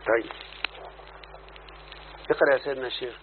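A brisk, mid-range male voice with an Egyptian Arabic accent leads a grammar lesson, explaining verses and checking in with the student. The lo-fi audio sounds like a phone recording and carries a faint hiss.

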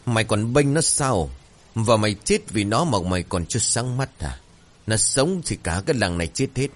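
A man's voice: on the low side, animated, normal speed. A man voicing a hostile male villager who speaks in a scornful, accusing way.

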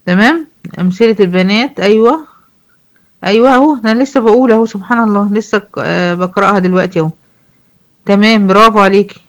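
Egyptian woman teaching Quran recitation rules. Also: medium pitch. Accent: Egyptian Arabic. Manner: explains rules, then recites verses slowly; asks students questions and answers them herself. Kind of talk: tajweed lesson with recited examples.

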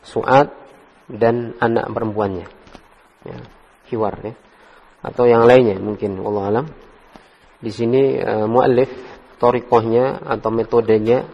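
A man teaching an Arabic class in a relaxed way, correcting his students. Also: lowish voice, breathy edge. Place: study hall. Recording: dull echoey hall recording.

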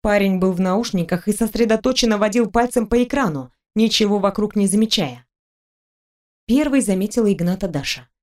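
A woman reading an audiobook aloud. Her delivery is even and expressive, in a mid-range voice. She paces the story steadily. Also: medium pitch, a little fast. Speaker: audiobook narrator. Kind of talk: scripted narration.

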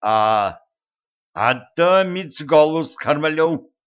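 A man voicing a cheeky young male gremlin who talks in sly, slangy, wheedling tones, with a raised pitch. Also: animated, slow, a bit bright, clean tone, dull audio.

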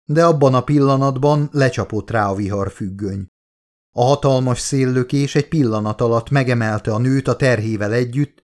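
A man reading his own audiobook aloud as narrator, in an even, measured storytelling voice. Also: medium pitch. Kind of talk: scripted narration.

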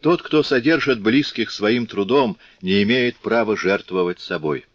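Guy doing a heartfelt pleading rebel, earnest, deep voice, muffled lo-fi audio. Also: measured pace, no echo. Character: compassionate male revolutionary pleading with comrades.

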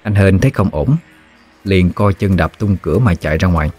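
A man with a Southern Vietnamese accent narrating a scripted horror story in a steady, measured way. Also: deep voice, slightly rough, soft background music.

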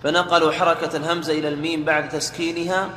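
A man reading a classical text aloud to his teacher in a steady, formal way. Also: on the high side, racing. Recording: echoey hall with faint noise.

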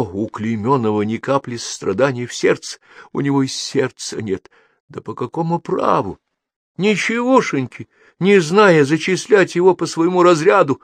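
A man's voice: mid-range voice, no room sound, voice pushed up. A man voicing an indignant, hurt educated young man who pleads and protests.

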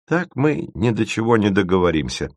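A cautious, shy boy who weighs every word, voiced by a man. The voice stays close to the reader's own low tone. Dry and close. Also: big pitch swings, dry recording. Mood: measured. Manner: careful, measured.

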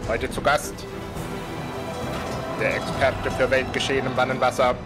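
Slow male announcer over loud music. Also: mid-range voice, little pitch movement. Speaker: podcast intro announcer. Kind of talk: scripted intro announcement.

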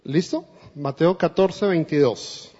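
A Colombian man preaches a sermon in an earnest, conversational way, talking straight to the congregation. His voice sits fairly high and mellow, and he speaks slowly. The dull, lo-fi recording carries a long church echo. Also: breathy edge. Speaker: guest preacher.

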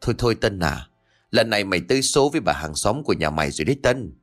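A man voicing a mischievous young friend, teasing his buddy in a low, quick aside. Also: sing-song, faint music behind.

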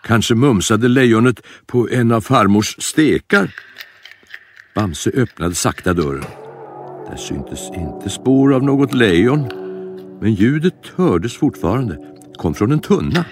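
A man narrating a children's storybook in an animated, expressive way. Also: mid-range voice, over music.

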